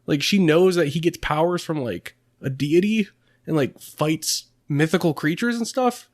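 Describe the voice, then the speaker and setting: A man's voice: a little high, a little slow, dry recording, clean studio sound. A young man co-hosting a podcast, talking casually in a rambling way with many fillers and frequent laughs. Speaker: podcast co-host. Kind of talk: casual chat.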